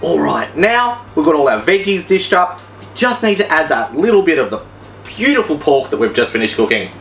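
Lively man in an echoey kitchen. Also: fairly high pitch, fairly quick, a little hiss or hum. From Australia. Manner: chatty, step-by-step, upbeat instructions. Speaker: cooking vlogger. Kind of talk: casual cooking demonstration.

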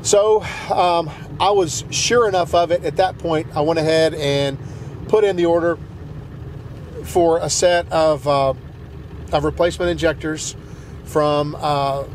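Snow is on the road as a middle-aged truck vlogger from the US South wanders through a lengthy story behind the wheel, stumbling into restarts and fillers again and again. His voice leans high. The clip comes from a dash-mounted camera in his pickup cab, with road noise in the background.

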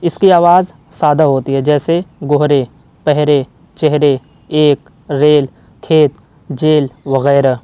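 A man teaching an online grammar lesson, explaining slowly and repeating example words one at a time. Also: fairly high pitch, fairly even intonation, warm tone, clean tone, dry recording.

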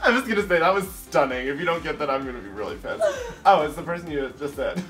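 A man's voice: a little high, animated, fast talker, over loud music. A man in his twenties chatting casually during a guessing game, playfully sarcastic. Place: small furnished living room, on a couch.

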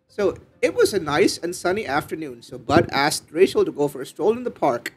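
Chatty high-voiced gaming host, lively pitch. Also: male voice, normal speed, soft background music. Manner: rambling, filler-heavy, joking. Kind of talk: casual let's-play commentary.

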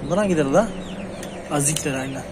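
A man's voice: on the high side, rapid-fire. Chatty man filming his poultry outdoors. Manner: chatty, talks to viewers and calls to the animals. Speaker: hobby farm vlogger. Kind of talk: casual outdoor vlog. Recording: noisy outdoor farmyard recording. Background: chickens, roosters and birds.

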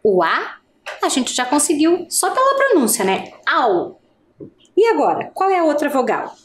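Woman teacher, adult literacy lesson, patient, slow and deliberate, lively rising and falling pitch. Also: slight background noise. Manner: slow, patient, drawn-out vowel sounds.

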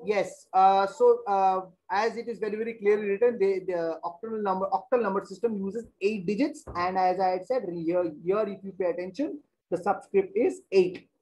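A man teaching a class over a video call. He explains slowly and repeats phrases, filling gaps with hesitations while he works the computer. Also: high voice, darkish tone, low-quality recording. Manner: repetitive, thinks aloud with many hesitations.

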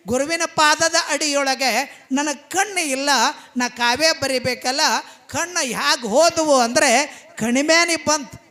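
A man's voice: very high voice, pushed and bright. A man with a North Karnataka Kannada accent preaching a devotional sermon. He tells the story with passion and emphasis, acting out the people he quotes. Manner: impassioned, emphatic, retells scenes with quoted voices.

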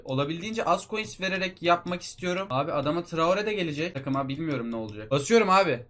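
Fast-talking excitable young man gamer. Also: sits high. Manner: fast, excitable, talks to viewers as friends. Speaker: mobile football game YouTuber. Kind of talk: excited gaming commentary.

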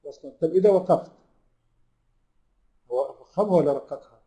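A man with an Egyptian accent teaching tajweed to an online class, who puts questions to his students, answers them himself, and draws the recited verses out slowly. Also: on the high side, mellow, poor audio. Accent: Egyptian Arabic.

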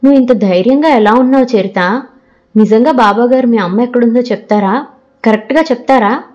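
A woman's voice: fairly high pitch, brisk, darkish tone, highs cut off, natural voice. A woman voicing an anxious, unhappy teenage girl student who asks eager, worried questions.

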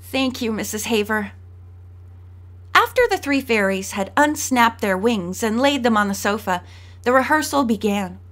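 A woman reads an audiobook aloud in a slightly high voice. She moves her pitch and pace around to give each character a voice of their own. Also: expressive, normal speed, fairly bright tone. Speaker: audiobook narrator.

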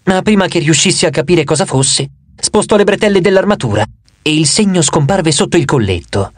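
A man narrating an audiobook in the first person, with expressive, dramatic storytelling. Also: a little high, brisk, no room sound.

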